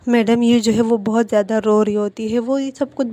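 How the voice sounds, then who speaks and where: A woman retelling a drama's plot in a relaxed, conversational way. Her voice sits a little high, and she often restarts a sentence as she goes. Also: fairly quick. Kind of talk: casual story retelling.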